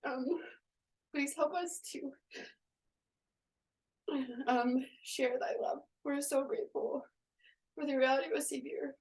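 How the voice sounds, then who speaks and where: A woman's voice: sits high, fairly even intonation, a little slow, gravelly, pauses often, distant mic, low-quality recording. A woman leading a public prayer, emotional and near tears. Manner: emotional, earnest. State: tearful.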